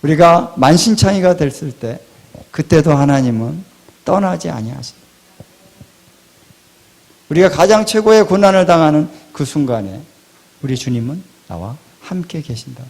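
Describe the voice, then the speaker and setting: Male preacher, fairly high voice with gravel; rises loud, drops to near whispers. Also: expressive, moderate pace, long pauses. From Korea. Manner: rhetorical questions, swings from loud to hushed. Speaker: pastor. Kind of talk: sermon.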